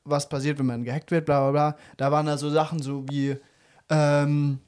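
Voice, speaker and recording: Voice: medium pitch, level tone, normal speed, a little mellow, clear, resonant tone. Young rambling casual storyteller. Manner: rambling storytelling, youth slang, fillers like "bla bla bla". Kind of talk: casual chat.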